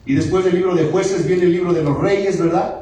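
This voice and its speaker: A man's voice: sits high, fairly even intonation, brisk, warm tone, a little hiss or hum. A man preaching a sermon as pastor, with emphatic call-and-response delivery. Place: church sanctuary. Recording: echoey church hall from a distant mic, music behind.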